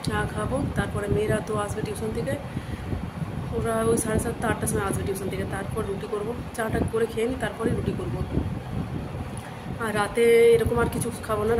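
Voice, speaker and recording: A woman in her thirties with a Bengali accent, chatting softly to viewers in a home vlog, her throat dry. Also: medium pitch, very noisy. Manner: talks softly and slowly to save a dry throat. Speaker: vlogger. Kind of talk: casual vlog chat to viewers.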